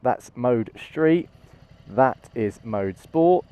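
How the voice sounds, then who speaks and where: A man giving chatty, excitable commentary while riding a motorcycle, through a helmet-mounted mic. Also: medium pitch, drawn-out words. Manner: chatty, excitable, many restarts and laughs. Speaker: motorcycle vlogger. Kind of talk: casual moto-vlog commentary while riding. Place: outdoors on a motorcycle in traffic. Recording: faint road and traffic noise.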